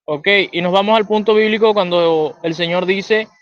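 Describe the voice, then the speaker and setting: A man from Venezuela with a Venezuelan accent, a guest calmly explaining a philosophical idea in conversation. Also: high voice, normal speed, no echo, lo-fi sound.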